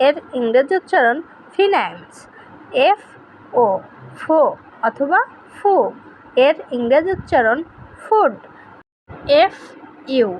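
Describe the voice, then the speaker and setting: A woman teaching a pronunciation lesson, reading out letter pairs and example words one by one in a slow, deliberate way. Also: high-pitched, a little hiss or hum, rough recording.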